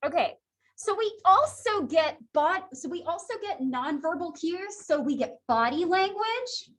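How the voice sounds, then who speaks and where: A woman's voice: very high voice, lively intonation, unhurried. A woman teaching a psychology class in a chatty, conversational lecture style, laughing often. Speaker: psychology instructor.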